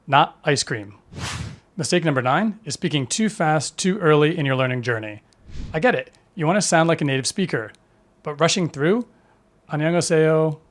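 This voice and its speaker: A man narrates a scripted language lesson in an even, instructive way. His voice sits a touch above the usual male pitch, and each point is delivered steadily, like a prepared explainer. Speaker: language teacher.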